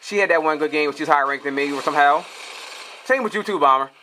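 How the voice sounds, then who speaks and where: A man's voice: a little high, quick pace, a little hiss or hum. A young man, trash-talking his teammates while commenting on his own gameplay. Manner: excitable, profane trash talk. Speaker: gamer.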